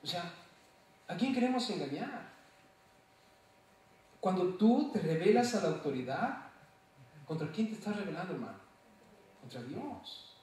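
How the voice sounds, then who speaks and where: A man's voice: high-pitched, a little mellow, distant mic. Echoey preaching man. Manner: preaching with call-and-response questions to the congregation. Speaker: pastor. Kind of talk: sermon. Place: church sanctuary. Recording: very echoey hall, voice from off-mic.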